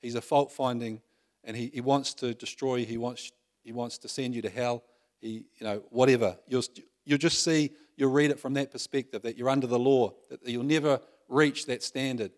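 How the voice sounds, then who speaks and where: A man's voice: medium pitch, fairly even intonation, moderate pace. A middle-aged male pastor giving a conversational sermon, full of rhetorical tag questions and self-deprecating humor.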